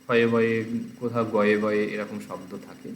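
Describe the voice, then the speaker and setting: A man's voice: fairly low pitch, fairly even intonation. Man drilling pronunciation in an echoey room. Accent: Bengali. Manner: slow, careful word-by-word pronunciation drills. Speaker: teacher. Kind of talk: exam-prep lesson, reading word lists aloud. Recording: echoey room, faint background noise.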